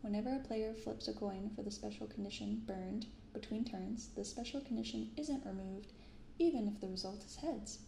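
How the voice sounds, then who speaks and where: A young woman speaking softly in an ASMR style, unhurried as she comments and reads aloud. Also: medium pitch, gravelly, reverberant, slight background noise. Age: young adult. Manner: unhurried, hushed commentary and reading from cards. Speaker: host of a card-opening channel. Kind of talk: soft-spoken ASMR. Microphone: binaural microphone.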